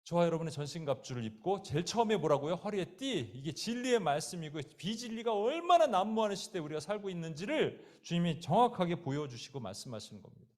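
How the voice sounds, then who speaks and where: Talking fast with barely a pause, a man preaches in a high, sing-song, somewhat mellow voice. As pastor he tells vivid stories, voices the quoted figures, and speaks directly to his audience, naming listeners and a child.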